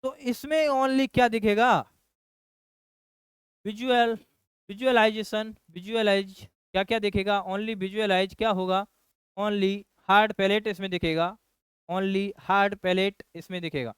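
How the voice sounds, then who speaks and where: Nursing coach guy lecturing, keeps repeating stuff, asks "right?" a lot, pretty high voice, dry sound. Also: fairly even intonation, measured pace, a bit bright, clean tone, no echo. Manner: repeats key phrases and asks the class rhetorical questions; addresses students as children. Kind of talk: classroom lecture.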